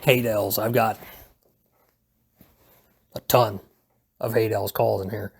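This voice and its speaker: Slow, creaky and husky, a low male voice with fairly even intonation guides viewers through a hobby project at home. The how-to is casual and unscripted, and he rambles with a hesitant, self-deprecating, easygoing manner.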